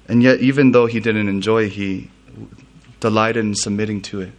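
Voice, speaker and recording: A man, a pastor, giving a sermon in a relaxed, conversational style with asides and questions to the congregation. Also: lowish voice, normal speed. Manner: conversational preaching with asides and soft laughs.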